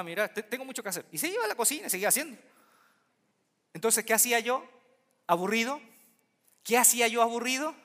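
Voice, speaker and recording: A male preacher delivers a sermon, circling back to his key lines and asking the congregation if they follow. His voice sits high and bright. The sound carries a long hall reverb. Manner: repeats key phrases for emphasis, checks in with the congregation.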